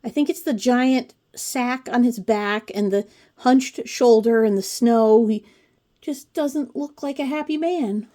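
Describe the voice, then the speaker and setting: On her craft channel, a woman in her forties casually narrates a pattern book flip-through, full of chatty, wry asides. Her voice is a little high and mellow, and she takes her time.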